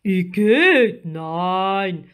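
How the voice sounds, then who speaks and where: Woman doing a deep, slow giant octopus. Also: very animated, darkish tone. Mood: indignant. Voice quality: deep, drawn-out and booming. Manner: slow and kindly, easily offended. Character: huge friendly male red octopus.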